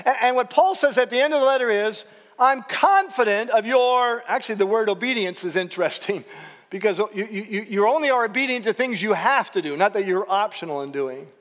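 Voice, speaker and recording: A middle-aged man with a high, light voice gives a relaxed Bible lecture to a church class. He talks in an animated way, keeps asking "right?" and voices the lines he quotes. The sound rings with the long reverb of a church hall. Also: fairly quick. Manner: animated, frequent "right?" checks, acts out quotes. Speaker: seminary professor teaching a class series.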